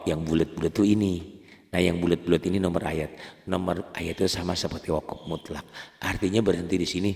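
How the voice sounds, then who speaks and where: A low, gravelly male voice tinged talks beginners through Quran reading in a chatty, self-deprecating way. He repeats over and over to drill them. A long reverb trails after his voice. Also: fairly bright tone. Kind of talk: casual lesson.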